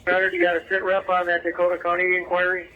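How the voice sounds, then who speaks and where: A man's voice: high-pitched, completely flat delivery, fast. A man talking in terse, clipped procedure over a police radio transmission. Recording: tinny radio with faint static.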